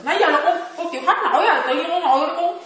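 A woman haltingly recounting a personal experience, repeating words as she searches for them. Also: very high-pitched, fairly bright tone, slight background noise. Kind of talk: emotional personal testimony. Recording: echoey room, far from mic.

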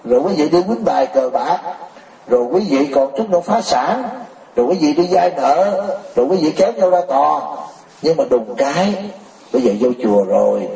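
This man, a Buddhist teacher addressing a congregation, speaks at a moderate pace in a fairly high, gravelly yet mellow voice that stays expressive. He presses his audience with rhetorical questions and laughs often, captured by a distant mic in a roomy space.

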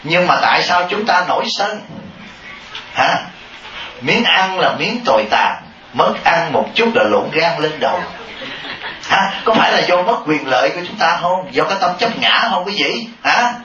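A male monk delivers a lively Dharma talk, teasing his listeners and throwing questions back at them. His voice sits a little high and comes from a distance in a reverberant hall. The recording is dull and carries steady background noise. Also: moderate pace. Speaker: Buddhist monk.

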